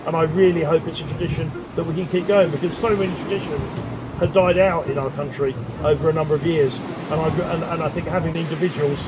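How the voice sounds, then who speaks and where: A man's voice: a little high, fairly even intonation, fast talker, very noisy. A middle-aged man with an English accent giving an informal, hesitant interview, often repeating words as he explains. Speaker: town crier being interviewed. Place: outdoors on a seaside pier bench.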